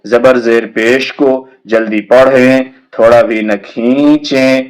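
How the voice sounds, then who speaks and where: A man's voice: mid-range voice, fairly even intonation, low-quality recording. A man teaching young children to read the Quranic alphabet, patiently repeating each letter sound and drawing it out. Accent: Indian Urdu. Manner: slow drawn-out drilling of letter sounds.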